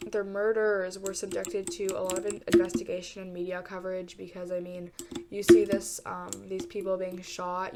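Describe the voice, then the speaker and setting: A gamer talking true crime, she speaks in a mid-range, congested voice, telling the story casually yet hesitantly, with rambling, fillers, and frequent restarts. The recording is very noisy, with loud typing in the background.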